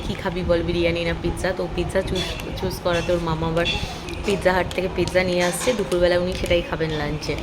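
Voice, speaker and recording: A mother, chatting softly and in a hushed tone as she narrates a home vlog. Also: on the low side. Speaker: vlogger and mother. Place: at home, indoors. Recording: home recording with clear background noise.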